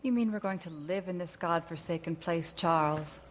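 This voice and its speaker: A woman acting a meek, unhappy wife in an old radio play. Her voice is low and plaintive, with faint noise around it. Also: normal speed, lightly acted. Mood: resigned, plaintive. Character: submissive, unhappy wife of a chemist.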